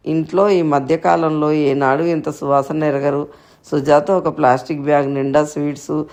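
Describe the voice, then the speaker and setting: A man reading a short story aloud in steady, scripted narration. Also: on the high side.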